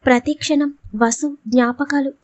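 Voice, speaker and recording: A woman reading the lines of a distraught young man who speaks quietly, holding back tears, in an audio storybook. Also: high-pitched, steady tone, normal speed, lightly acted. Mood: grieving, hushed. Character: grieving young man, distraught over his missing wife.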